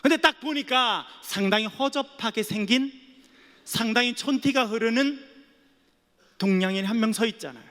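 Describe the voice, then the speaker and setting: A man with an extremely high, bright, forceful voice preaches at a moderate pace in a seminary chapel whose long reverb fills the recording. He is a pastor from Geoje island, South Korea, entertaining the audience with playful jokes as he tells stories.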